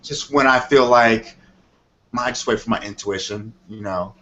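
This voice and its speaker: Here a man with a lowish, bright, forceful voice talks at a moderate pace. He works as a tarot reader on a call-in show, giving rambling, offhand explanations and repeatedly asking "you know what I mean" to check he's understood, over dull lo-fi audio with audible noise.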